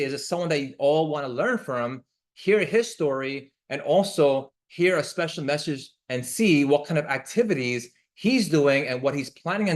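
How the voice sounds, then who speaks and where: A man hosting an online team call, giving a promotional, motivational introduction with repeated emphasis. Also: fairly high pitch. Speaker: host introducing a guest leader.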